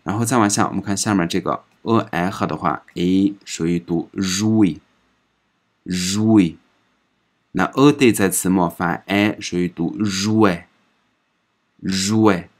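A man teaching a recorded pronunciation lesson, patiently explaining and saying each example word several times in a drawn-out way. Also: low voice. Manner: patient explaining, ends phrases with soft particles. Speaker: French language teacher.

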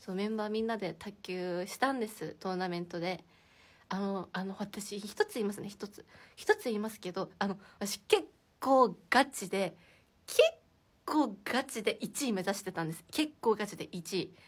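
A woman's voice: medium pitch, expressive, normal speed. A young woman hosting a casual livestream from indoors, chatting and giggling as she reacts to viewer comments. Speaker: idol livestream host.

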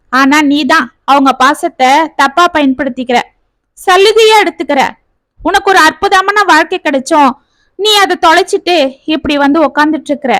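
Brief: stern old aunt, lecturing and reproachful, high voice, read by a woman storyteller. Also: a bit bright, dry recording. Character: stern elderly aunt scolding her niece.

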